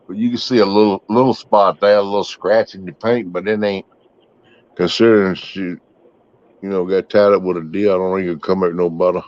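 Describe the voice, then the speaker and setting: A man's voice: low-pitched, steady tone, fairly quick. A middle-aged man, casually chatting with his livestream viewers in a rambling, folksy way. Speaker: livestream host. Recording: muffled, dry.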